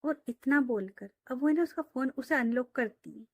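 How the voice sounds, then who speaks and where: A woman's voice: high voice, moderate pace, no echo. A woman telling a romance story in a casual, chatty way, full of fillers, into a close mic.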